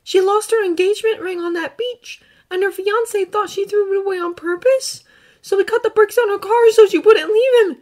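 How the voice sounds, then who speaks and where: A woman doing a soft-spoken earnest teenage boy. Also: extremely high pitch, voice pushed up. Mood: tender. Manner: soft, halting, emotional. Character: earnest teenage boy who sees ghosts. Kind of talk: fan fiction audiobook reading.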